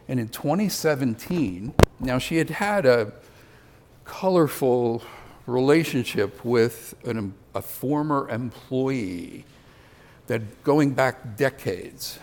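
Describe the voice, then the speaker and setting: A man's voice: mid-range voice, lively intonation, slow pace, darkish tone. An older man giving a conversational sermon, with self-deprecating asides. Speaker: preacher.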